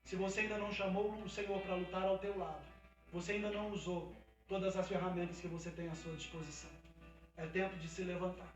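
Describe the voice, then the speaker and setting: A man's voice: high voice, level tone, fast talker, soft background music. Man, Brazilian Portuguese accent, pastor, emphatic sermon, echoey church hall, distant mic. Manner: emphatic preaching that builds to a fervent, loud climax. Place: church hall, livestreamed service.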